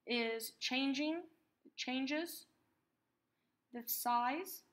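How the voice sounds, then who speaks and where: A woman teaching a math lesson, patiently explaining terms and repeating key words slowly for emphasis. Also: fairly high pitch, sharp tone.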